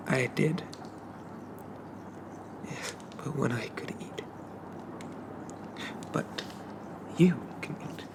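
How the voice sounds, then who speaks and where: In a soft-spoken ASMR roleplay, a man plays a shy, polite young zombie from a bygone era who stammers and apologizes using old-fashioned phrasing. His voice is medium-pitched, and he sounds eager and shy.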